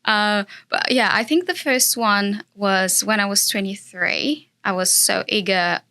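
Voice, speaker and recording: This woman from Brazil speaks English with a Brazilian Portuguese accent. Her voice is bright and clear at a middle pitch. She chats earnestly in an interview, with lots of fillers. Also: measured pace. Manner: earnest, with many fillers and frequent laughs. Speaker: guest, property investor. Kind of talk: casual interview chat.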